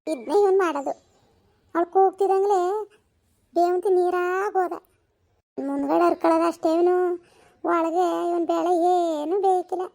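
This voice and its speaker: Woman doing a shrill, scolding village mother-in-law, old and quarrelsome, comedy skit. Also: fairly even intonation, normal speed, gravelly, pauses often, dark tone. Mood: grumbling. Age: older. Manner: scolding, then wailing in a high pitch. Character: nagging elderly mother-in-law, sharp-tongued and whiny.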